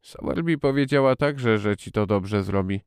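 A weary middle-aged guardian, gentle but worn out, who speaks slowly and a little absently, as a man reads him. The voice sits low and sounds smooth and clear, with a dry, close sound. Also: no echo, lightly acted. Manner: tired, slow, absent-minded. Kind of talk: audiobook character reading.

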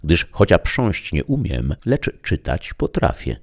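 A man's voice: low-pitched, big pitch swings, slow pace, creaky, heavily acted. A man voicing a courteous young page in a read-aloud classic novel, with formal, deferential courtly speech. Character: courteous young male page, eager servant.

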